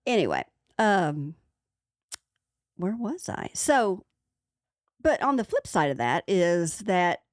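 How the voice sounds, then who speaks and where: Playful woman podcast host, lively voice. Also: on the low side, slow, pauses often, no echo, studio quality. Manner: playful, rambling, easily amused. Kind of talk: casual chat.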